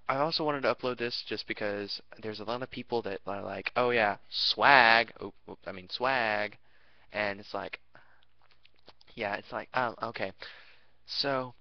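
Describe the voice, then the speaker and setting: A man's voice: fairly low pitch, a little slow, gravelly, no room sound, muffled recording. A young man rambling through a crude, jokey vlog rant and slipping into silly voices.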